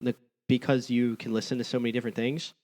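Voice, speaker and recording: A woman's voice: extremely low pitch, little pitch movement, fast, a little mellow. A woman co-hosting a podcast, playful and joking, with slangy casual talk. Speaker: podcast co-host. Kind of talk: casual chat.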